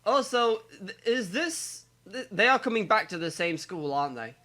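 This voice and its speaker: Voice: medium pitch, very animated, normal speed, bright, forceful tone. A podcast co-host asking pointed, teasing questions about plot holes. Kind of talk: casual podcast banter.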